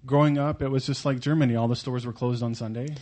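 Male preacher, earnest sermon delivery, mid-pitched voice, pauses between phrases. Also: steady tone, a little mellow. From Oklahoma, United States. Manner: earnest, pausing after each phrase, occasional stumbles.

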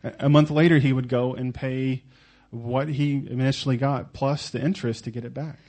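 A man from Oklahoma preaching a sermon in short, earnest phrases, pausing so an interpreter can follow. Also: medium pitch, steady tone, a little mellow. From Oklahoma, United States. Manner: earnest, pausing after each phrase, occasional stumbles.

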